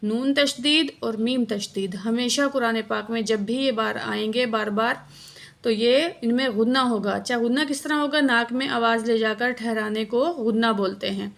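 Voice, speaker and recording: Female tajweed teacher, somewhat high voice with gravelly fry, patient letter-by-letter explanation. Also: fairly even intonation, fairly bright tone. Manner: slow drawn-out recitation of verses. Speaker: Quran recitation teacher. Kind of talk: word-by-word tajweed lesson with slow recitation.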